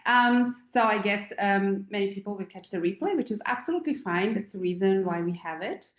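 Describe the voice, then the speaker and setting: A woman's voice: mid-range voice, expressive, brisk, roomy sound. A woman from Serbia, about forty, hosting a live online Q&A as a feng shui teacher, rambling with many fillers and restarts. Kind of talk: live online call, casual talk.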